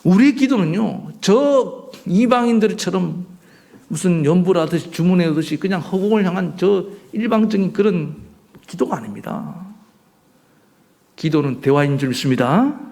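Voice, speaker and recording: Male pastor, sermon voice, high and lively, gravelly edge, soft-to-loud delivery. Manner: animated preaching, swinging between soft near-whispers and loud outbursts.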